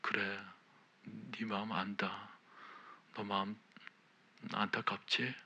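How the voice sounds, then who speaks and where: Hushed, tender male divine voice put on by a pastor, low and forceful underneath, half whispered, sorrowful. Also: little pitch movement, slow pace, husky, heavily acted. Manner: soft, hushed, partly whispered. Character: God as a gentle, sorrowful male inner voice.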